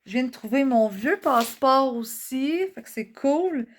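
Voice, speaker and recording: A woman's voice: high voice, measured pace, slight background noise. A woman in her thirties with a Québécois French accent, chatting casually in a nostalgic vlog, full of fillers and slang. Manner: chatty, fillers and slang, reading old cards aloud. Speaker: vlogger.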